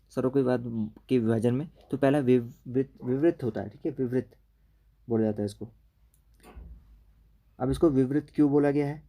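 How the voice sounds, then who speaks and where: A man's voice: medium pitch, dark tone. A man teaching an exam-prep grammar lesson, explaining step by step and checking in with "okay" after each point.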